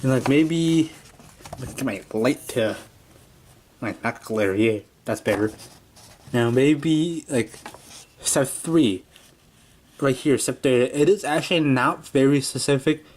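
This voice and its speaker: A man's voice: medium pitch, slow, pauses often, a little mellow, a little hiss or hum. A man giving a casual, unscripted toy review at a table at home, talking in a loose, rambling way and often correcting himself mid-sentence.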